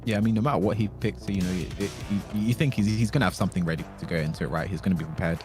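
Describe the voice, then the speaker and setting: A man's voice: low-pitched, racing. A man co-casting a live fighting game tournament as an esports caster, reacting to and analysing the play. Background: music.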